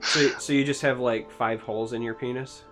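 A man's voice: mid-range voice, fairly even intonation, a little fast, over music. A man from Michigan co-hosting a casual chat, wry and self-deprecating in his jokes. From Michigan, United States. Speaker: co-host.

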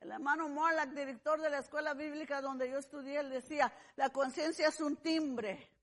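A preacher giving a fervent sermon, swinging between shouted praise and hushed asides, with frequent hallelujahs and amens. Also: sits high, steady tone, normal speed.

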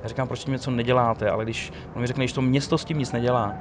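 A man's voice: mid-range voice, noisy background. Chatty man telling street stories outdoors. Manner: animated storyteller, quotes others. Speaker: guest telling of police ride-alongs. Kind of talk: casual chat.

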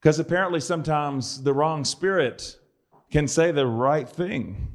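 A man's voice: on the high side, measured pace. A man giving a conversational sermon, with dry, joking asides. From United States. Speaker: preacher.

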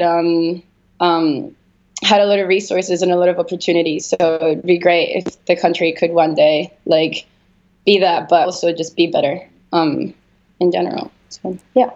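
A Venezuelan artist answers interview questions casually and reflectively, feeling her way through her thoughts. Her voice is on the low side with a darkish tone. The sound is lo-fi and slightly dull.

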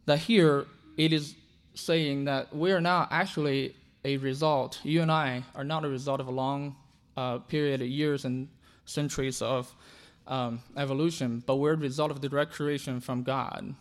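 A pastor from China, a native Chinese speaker, preaches a sermon earnestly, often restarting and repeating words. His voice is medium-pitched and steady, at normal speed.

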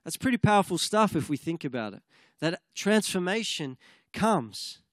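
An earnest man delivering a sermon, his voice sitting a little higher than most men's. The sound is dry and close, with no room echo. He sometimes moves into fervent spoken prayer. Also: big pitch swings, normal speed. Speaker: preacher.

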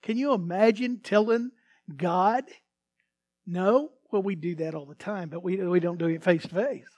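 A pastor gives a sermon in a loose, conversational style, stumbling into restarts and acting out the lines he quotes. For a man, his voice is notably high, a little mellow, and his speed is normal.

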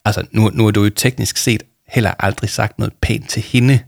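Man doing a shy mumbly schoolboy, low-ish gravelly voice. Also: fairly even intonation, no room sound, clean studio sound. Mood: mumbling. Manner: mumbling, hesitant. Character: shy quiet schoolboy Arthur.

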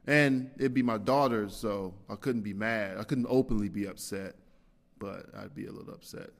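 A man's voice: lowish voice, normal speed, vocal fry. A man hosting a casual solo podcast, rambling and self-deprecating, with lots of fillers and restarts. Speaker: podcast host. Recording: long hall reverb.

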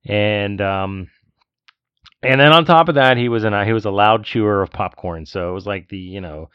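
A man's voice: fairly low pitch, moderate pace, clear, resonant tone, dry recording. A man co-hosting a podcast, telling a story in casual chat and ranting as he goes. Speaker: podcast co-host. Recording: dull lo-fi sound, dry.

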